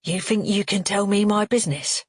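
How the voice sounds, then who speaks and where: A woman's voice: mid-range voice, steady tone, moderate pace, slightly rough, no room sound, clean studio sound, voice pushed up, close to an everyday voice. A woman voicing a crude, menacing middle-aged father who sneers and needles everyone at the table. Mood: sneering.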